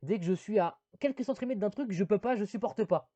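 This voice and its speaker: A man putting on a jumpy, high-strung older man. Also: a little fast, warm tone, lo-fi sound. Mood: insistent.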